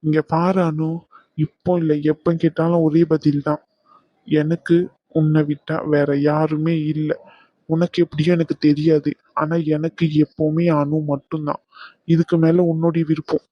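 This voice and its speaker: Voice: medium pitch, level tone, measured pace, no room sound, dull audio, close to an everyday voice. Brief: voice actor as a short-fused young cartoon lover, blunt and heated, dry close sound. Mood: hurt, earnest. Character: young man, hot-tempered lover. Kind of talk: Tamil cartoon dubbing.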